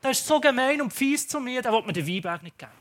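A man's voice: extremely high pitch, animated, fast talker, fairly bright tone, voice pushed up. A man with a Swiss German accent voicing a sulking king who whines like a small child. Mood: whiny. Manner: whining, self-pitying.

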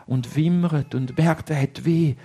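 Swiss german man, storyteller for kids, husky voice, fairly high pitch, lively and hushed by turns. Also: unhurried. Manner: lively, animated, drops to hushed tones for suspense. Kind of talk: storytelling to children.

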